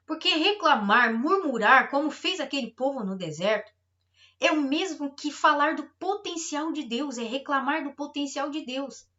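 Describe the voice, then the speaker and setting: A woman's voice: sits high, expressive, moderate pace, sharp tone, lo-fi sound. A middle-aged woman pastor preaching a sermon, emphatic and repetitive, acting out everyday complaints.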